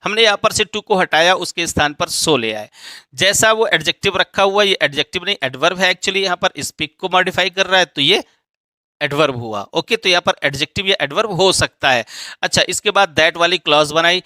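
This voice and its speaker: Man, grammar teacher, high bright voice, dry close sound, step-by-step explanation, frequent check questions. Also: normal speed, dry recording.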